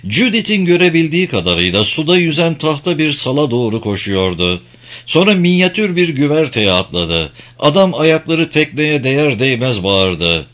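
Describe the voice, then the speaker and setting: Lively dramatic male audiobook narrator. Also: on the high side, normal speed. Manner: dramatic storytelling.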